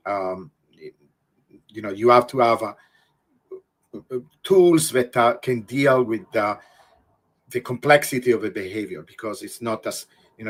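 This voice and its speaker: A man with an Italian accent, a guest explaining ideas in conversation, halting often with fillers and restarts. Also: on the low side, fairly bright tone. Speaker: guest physicist.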